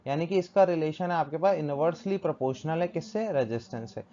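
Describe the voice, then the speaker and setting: Male tutor, mellow tone, repetitive question-and-answer teaching, lo-fi sound. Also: on the high side, a little fast, slight background noise. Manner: asks questions and answers them himself, repeats key terms. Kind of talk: classroom physics lesson. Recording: dull lo-fi recording.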